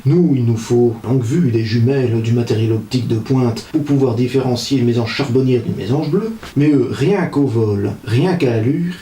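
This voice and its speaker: A man's voice: medium pitch, mellow, a little hiss or hum. A man hosting a nature video, explaining birdwatching in a playful, joking manner with lots of asides. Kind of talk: humorous educational vlog. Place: indoors. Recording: echoey room.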